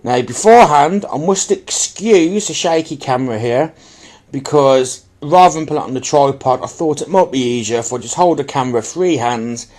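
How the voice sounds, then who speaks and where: A man with a medium-pitched, darkish voice talks at normal speed while presenting an item in his own video. Stuffy with a blocked nose, he sounds slightly bunged-up as he gives informal, rambling and apologetic unboxing-style commentary on the product.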